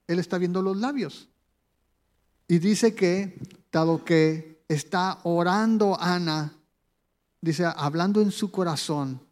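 A man's voice: high-pitched, a little mellow. A man preaching a sermon in a conversational way, turning to the listener with direct questions. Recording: long hall reverb.

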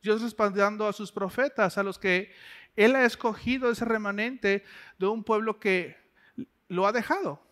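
A man's voice: sits high, a little slow, fairly bright tone. A man preaching a sermon in a conversational way, asking the listener direct questions.

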